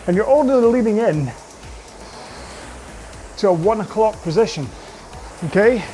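Guy coaching a rowing workout, talks real slow and steady, faint music behind. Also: sits high. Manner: slow, measured coaching cues.

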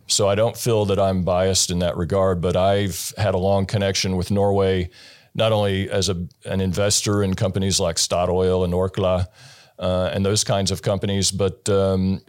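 A middle-aged man from the United States, a guest investor explaining his views in an interview, measured, with frequent fillers. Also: sits low, level tone. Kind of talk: interview answers.

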